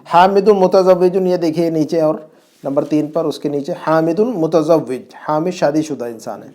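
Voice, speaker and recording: Mellow-voiced male teacher drilling grammar. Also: a little high. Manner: drills students with repeated questions and tag checks. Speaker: Arabic teacher. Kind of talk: classroom lesson. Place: home.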